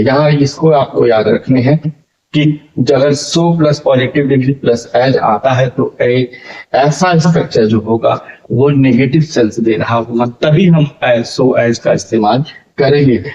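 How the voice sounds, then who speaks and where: A man teaching a grammar lesson, explaining slowly and calling his listeners friends. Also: mid-range voice, a little mellow, highs cut off.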